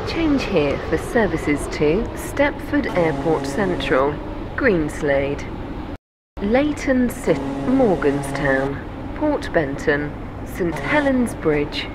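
This is a woman's automated train announcement stitched from separately spliced words. It moves slowly and leaps up and down in pitch from one clip to the next. A heavy train rumble runs constantly underneath. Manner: measured, station names dropped in one by one. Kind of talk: recorded onboard announcements. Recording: game audio over loud train noise. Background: loud rumbling train noise.

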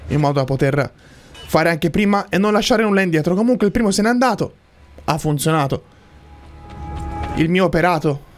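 A man's voice: high-pitched, animated, a little fast, pauses often. A man giving casual, playful video game commentary as a streamer. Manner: playful, talks to game characters and viewers. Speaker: gaming streamer. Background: game music.

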